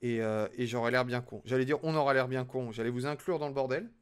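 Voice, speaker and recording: This young streamer talks fast in a clean, mid-range voice, keeping up a chatty, self-mocking conversation with chat while he builds.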